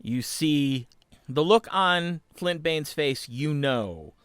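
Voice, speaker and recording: A man narrating as game master in a relaxed, conversational way. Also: a little high, takes it slowly, smooth, dry recording.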